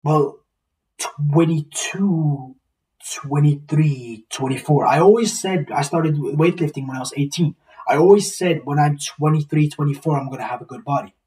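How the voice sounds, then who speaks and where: Speaking at a moderate pace, this roughly twenty-year-old man's mellow voice sits on the higher side. He's a vlogger in a small, bare room, musing casually to camera, circling back over points and cursing now and then, and he's far from the mic in a rough recording.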